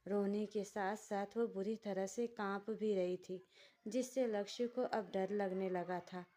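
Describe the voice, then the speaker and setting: A woman's voice: mid-range voice, steady tone, unhurried, mellow. Woman narrating a dramatic story.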